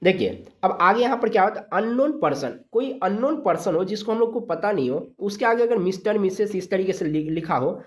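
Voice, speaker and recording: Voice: mid-range voice, animated, a little fast, hardly any pauses. Grammar teacher from india going thru rules step by step, stretches out the letter sounds, keeps checking in. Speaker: exam-prep English grammar teacher. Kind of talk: lesson.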